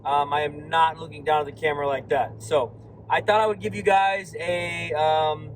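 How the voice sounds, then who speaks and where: A man talks while he drives, his voice hoarse and worn from recent loss. He rambles in a casual way, full of ums and restarts, with a slightly high voice. A faint hum of car noise runs under him. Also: fairly even intonation, moderate pace, rough recording. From Florida. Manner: rambling, many fillers and restarts. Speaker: card shop owner. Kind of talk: casual vlog while driving. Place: inside a moving car.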